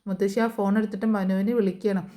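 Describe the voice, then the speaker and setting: A woman's voice: mid-range voice, level tone, fast talker, mellow. A woman casually retelling a TV serial episode as a voice-over, chatty and full of fillers. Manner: chatty, frequent fillers and tag words. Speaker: serial review narrator. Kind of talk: casual storytelling recap.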